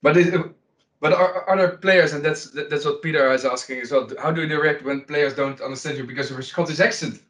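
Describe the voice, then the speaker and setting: A man puts questions to a fellow umpire in a relaxed, joking manner. He often restarts his sentences. His voice sits a little high for a man and carries a roomy echo. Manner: friendly, joking, halting questions. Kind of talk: casual interview. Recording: roomy, echoey sound.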